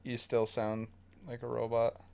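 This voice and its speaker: A man's voice: mid-range voice, completely flat delivery, unhurried, vocal fry, a little mellow, clean tone, faint music behind. A man hosting a game livestream, chatting casually and joking with viewers and friends. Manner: laid-back, joking, chatty. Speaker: streamer.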